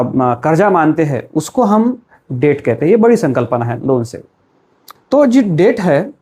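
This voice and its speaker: Slow and deliberate, a man with an Indian accent runs a classroom-style pronunciation lesson, blending Hindi with English and quizzing whoever is watching. His voice sits on the high side with a darkish tone.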